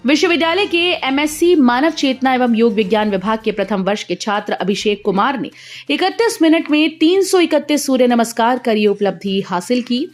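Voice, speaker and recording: A woman with a fairly high voice reads scripted news headlines one after another. Her delivery is steady and formal, like a bulletin. Faint music plays under her voice the whole time. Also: normal speed. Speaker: news reader.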